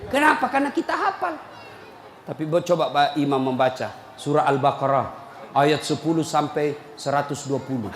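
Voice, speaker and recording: A middle-aged man giving a humorous sermon to a live crowd, telling stories, swinging between loud and soft and shouting for emphasis. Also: a little high. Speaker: preacher. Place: mosque or hall with a laughing crowd. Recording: echoey hall with audience noise.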